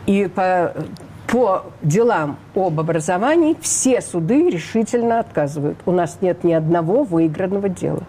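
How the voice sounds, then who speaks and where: An older woman, a refugee rights advocate, is a guest on a radio interview, speaking in a lowish, dark, animated voice at a moderate pace. She is emphatic and indignant, often posing rhetorical questions. A little hiss or hum is audible.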